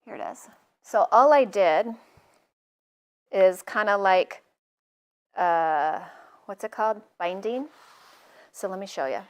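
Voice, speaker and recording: Hosting a live sewing tutorial from her studio, a middle-aged woman chats casually and jokes at her own expense while she works. Her mid-range voice is animated, and she speaks slowly with frequent pauses, tossing in jokey asides.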